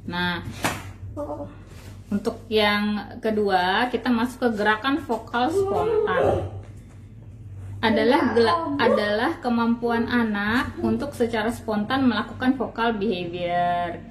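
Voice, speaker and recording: A woman's voice: on the high side, lively intonation, slow pace, noisy background. A woman from Indonesia hosts a parenting channel, explaining child development tests in a chatty, loose way and often acting out examples. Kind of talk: casual instructional talk.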